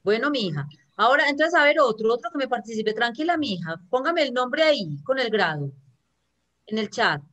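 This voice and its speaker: A woman, a teacher briskly calling on students in an online class. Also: fairly high pitch, expressive, a bit bright, highs cut off. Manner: brisk, encouraging, calls on students. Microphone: video call.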